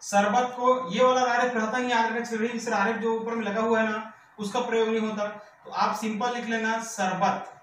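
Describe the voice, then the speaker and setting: Teaching vocabulary to exam candidates, this high-voiced man sounds a bit bright with little pitch movement. Every term gets a brisk rhetorical question, then a repetition, and he checks the class has followed. The mic seems distant, the room very echoey, with faint noise behind him.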